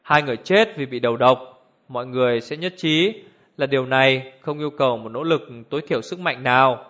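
A man voicing an elderly male judge who speaks in a cold, clear, measured way, on a dull lo-fi recording. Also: medium pitch, fairly bright tone, natural voice. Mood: cold, deliberate. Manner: measured, icy authority.

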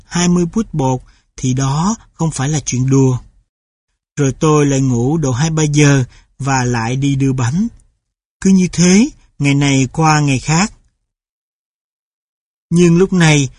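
A man reading a memoir-style story aloud in steady, measured scripted narration. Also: on the high side, no echo.

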